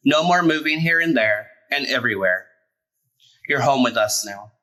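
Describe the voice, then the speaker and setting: A man with a mid-range voice, a storyteller and drag performer, reads a children's picture book aloud. He delivers it expressively and deliberately, stressing certain words.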